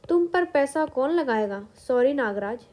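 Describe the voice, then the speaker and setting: A woman's voice: high-pitched, lively intonation, a little slow, a little mellow. A woman reading a proud champion wrestler.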